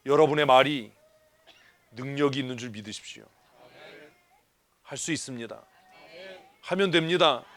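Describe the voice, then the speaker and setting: A man preaching a sermon in church, quizzing the congregation and dropping from loud urging to low asides. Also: normal speed, long pauses. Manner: swings from hushed low asides to loud exhortations; asks the congregation questions and mimics grumbling people. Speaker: pastor. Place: church sanctuary.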